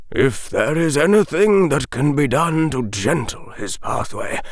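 A man voicing a gentle, sorrowful old male wizard, speaking slowly and solemnly, often sinking into a whisper. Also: on the high side, slightly rough, dry recording, studio quality, voice pushed up, heavily acted. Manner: slow, soft, partly whispered, solemn. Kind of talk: audiobook character reading.

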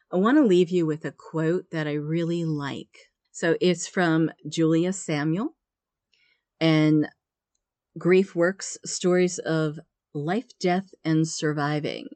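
A woman's voice: low voice, dark tone, no echo. A woman hosting a podcast, talking in an earnest, encouraging way. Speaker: podcast host. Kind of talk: motivational podcast talk.

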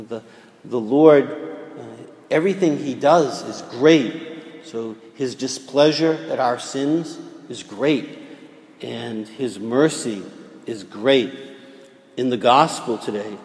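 A man preaching as a priest, reading the gospel and giving a homily in a slow, measured way with casual fillers, heard with cathedral echo. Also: medium pitch, darkish tone. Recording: cathedral echo with long reverb.

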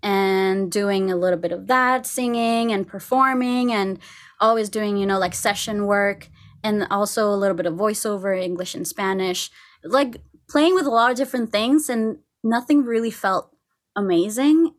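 A woman's voice: mid-range voice, normal speed. A woman from Costa Rica, a singer, chatting casually on a podcast, with frequent laughs and fillers. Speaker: singer and co-host.

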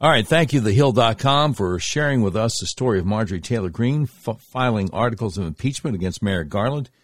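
American guy doing talk radio, folksy n deliberate, husky, pitch goes up and down a lot. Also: lively intonation. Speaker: radio talk show host. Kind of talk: talk radio monologue with live-read sponsor spots.

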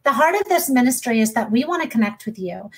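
A woman in her thirties hosting a podcast in an enthusiastic, warm way, with frequent ums. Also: on the high side, animated, quick pace, husky, poor audio. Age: 30s. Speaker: podcast host. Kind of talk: casual podcast talk.

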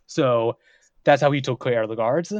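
Animated man telling game stories. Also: mid-range voice, normal speed, no room sound. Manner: animated, acts out characters while telling stories. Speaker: podcast co-host and game master. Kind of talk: casual podcast storytelling.

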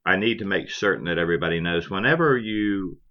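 A middle-aged or older man from Florida, a cattle rancher, explaining things conversationally in a plain-spoken, measured interview style. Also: sits low, animated. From Florida, United States. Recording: dull lo-fi podcast audio.

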